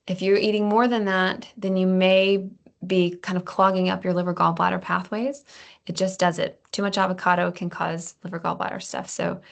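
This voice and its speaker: A woman presenting a health webinar in a relaxed, chatty way, often restarting her sentences. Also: fairly low pitch, moderate pace, vocal fry. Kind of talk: casual webinar lesson.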